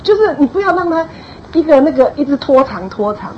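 Firm, emphatic woman pastor, slightly high. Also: sing-song, brisk, a little hiss or hum. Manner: firm, emphatic, repeats key phrases. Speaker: pastor giving parenting advice. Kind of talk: church group discussion. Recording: dull lo-fi recording, faint ambience.

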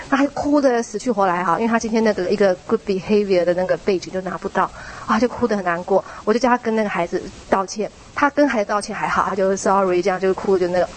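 A woman, a mother, sharing her own story in a church small group, chatty, with a soft tag particle at the end of her phrases. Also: medium pitch, a little hiss or hum, rough recording.

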